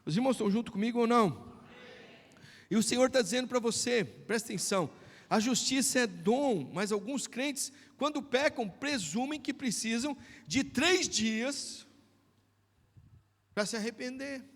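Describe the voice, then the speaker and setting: Brazilian pastor guy preaching, goes quiet then loud, high voice, big church hall echo. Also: animated, moderate pace. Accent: Brazilian Portuguese. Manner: preaching with wide swings from hushed to shouted. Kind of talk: sermon. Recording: long church hall reverb.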